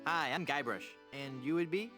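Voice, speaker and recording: An actor playing a naive, cheeky young wannabe pirate in a comic adventure game, with a wry, breezy delivery. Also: male voice, fairly high pitch, normal speed, sharp tone, soft background music.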